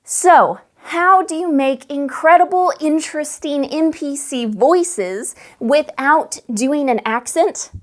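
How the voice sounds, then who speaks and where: Brief: higher-pitched woman, friendly how-to host, talky and animated, tabletop game advice. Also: slow pace, few pauses. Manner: chatty, animated, demonstrates voices by shifting pace and pitch. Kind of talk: casual how-to video talk.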